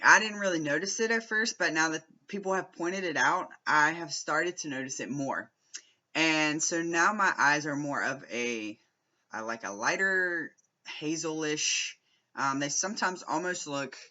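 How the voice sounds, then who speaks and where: A young man vlogging casually to camera, rambling with lots of fillers, restarts and throat clearing. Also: on the high side, sharp tone, lo-fi sound.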